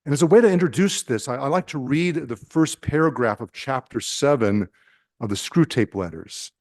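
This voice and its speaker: In a relaxed retreat talk, a priest with a Nebraskan accent pauses and backtracks a lot, full of fillers, and turns questions to the group. His male voice is medium-pitched, expressive, and a bit mellow, with no echo.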